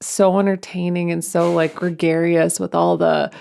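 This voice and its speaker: Chatty creaky-voiced woman co-host. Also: fairly low pitch, flat delivery, normal speed, darkish tone. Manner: rambling, chatty, many fillers. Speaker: podcast co-host, mother. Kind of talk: casual chat.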